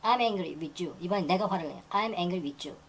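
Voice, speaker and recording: A woman teaching English grammar in a lecture, repeating phrases and reading example sentences very slowly. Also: lowish voice, lively intonation, slight background noise, rough recording. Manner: repeats phrases and restarts while explaining.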